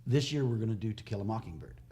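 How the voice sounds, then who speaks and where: A middle-aged man chats casually on a podcast in a lowish voice, spinning loose, rambling stories that drift and restart. He chuckles at his own asides. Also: animated, racing, warm tone. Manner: rambling anecdotal storytelling, trailing off and chuckling. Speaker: podcast guest, community theatre director and actor.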